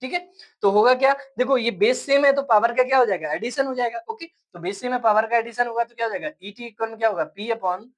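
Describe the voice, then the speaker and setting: A man's voice: very high voice, quick pace, poor audio. A man teaching a physics lecture step by step, asking questions and answering them himself. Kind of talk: classroom lecture.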